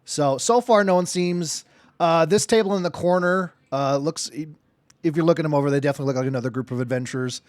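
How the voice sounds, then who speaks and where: A man's voice: a little high, fast talker, dry recording. A man running a tabletop game as game master, narrating casually in informal, slangy language.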